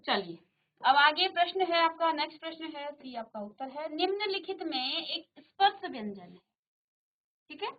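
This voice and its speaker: High-voiced woman teaching a Hindi class. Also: lively intonation, moderate pace, dull audio. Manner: patient, repeats questions and addresses students directly. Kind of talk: virtual classroom lesson. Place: studio classroom.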